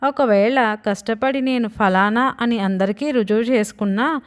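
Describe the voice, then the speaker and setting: A woman's voice: on the high side, measured pace, close to an everyday voice. A woman voicing a stern middle-aged father, now in his young son's body, who talks indignant and complaining.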